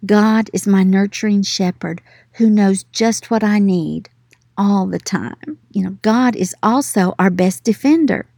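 A woman leading a devotional Bible teaching, reading scripture and affirmations in an earnest, encouraging way and slowing down on key words. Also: mid-range voice, vocal fry, a little mellow, no echo, clean studio sound. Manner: earnest, encouraging, slows for emphasis on verses.

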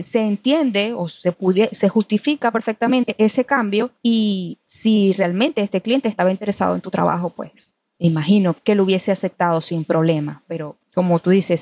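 A woman's voice: mid-range voice, normal speed, few pauses, a little mellow, dry recording, studio quality. A Venezuelan woman from Maracaibo, a copywriter, chatting over a call, thinking aloud with restarts and little laughs. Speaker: guest copywriter. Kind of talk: casual conversation over a call. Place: at home in Spain. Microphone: video call.

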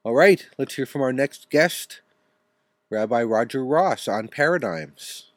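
A man's voice: mid-range voice, animated, measured pace. Man hosting a radio talk show. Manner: friendly, introducing guests and music.

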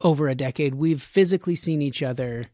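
A man's voice: fairly high pitch, brisk, warm tone. A man hosting a podcast in a studio, talking in a casual, rambling way and laughing often. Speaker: podcast host.

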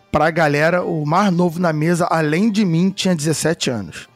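A man's voice: a little high, unhurried, no room sound, soft background music. A man in his thirties with a Brazilian Portuguese accent, chatting and telling stories casually as a podcast guest. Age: 30s. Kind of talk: casual storytelling chat.

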